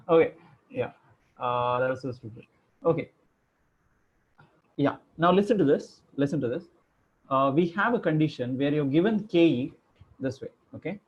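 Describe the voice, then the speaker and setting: Joking teacher on a muffled video call. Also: male voice, a little high, husky. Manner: joking, chatty, asks students questions. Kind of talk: online class teaching. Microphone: computer microphone on a video call.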